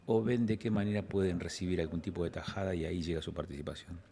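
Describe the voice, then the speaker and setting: Gravelly man asking questions. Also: deep voice, fairly even intonation, fast talker, mellow. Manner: long, winding questions with restarts. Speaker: radio news interviewer. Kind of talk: radio interview questions.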